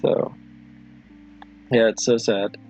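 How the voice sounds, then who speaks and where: A man hosting a livestream, chatting casually with viewers in a halting, apologetic, rambling way. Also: lowish voice, steady tone, darkish tone, soft background music. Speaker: livestream host.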